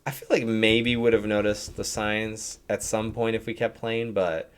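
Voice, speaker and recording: A man's voice: on the low side, flat delivery, measured pace, smooth. A man hosting a casual game review chat, rambling with lots of "like" and restarts. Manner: rambling, heavy use of "like"; talks through restarts and hedges. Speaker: streamer and host.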